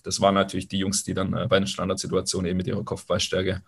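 A man in his forties with a fairly low voice thinks back over his playing days, weighing each answer. He talks in a relaxed, halting way, full of fillers, as a guest being interviewed. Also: creaky, breathy edge. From Swabia, Germany, Italian roots. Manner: thoughtful, hesitant, frequent fillers. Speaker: former professional footballer, guest.

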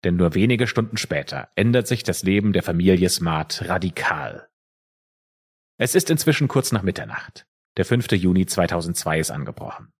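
A man's voice: deep voice, sing-song, normal speed, slightly rough. A man co-hosting a true crime podcast, telling the case in an easygoing storytelling way with casual asides. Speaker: podcast co-host.

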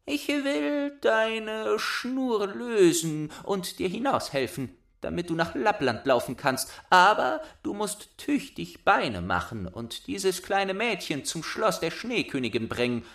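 A man voicing a bold, bossy little robber girl in a storybook reading, speaking high, loud and commanding. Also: big pitch swings, slow pace, vocal fry, full character voice.

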